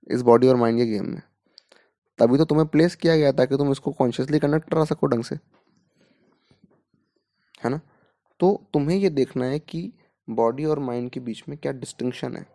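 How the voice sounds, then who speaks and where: A mentor to exam students coaches them in a mellow, mid-range voice, recorded dry with clean studio sound. He explains through rhetorical questions, speaking Hindi mixed with English terms.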